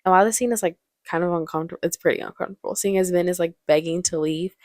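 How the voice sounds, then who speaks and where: A young woman talks through a film in a loose, chatty way, peppering her lines with fillers and slipping into mock voices. Her voice has a gravelly fry, recorded close and dry with no room around it. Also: lowish voice, steady tone, racing, a little mellow, no room sound. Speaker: movie commentator. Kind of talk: casual film commentary.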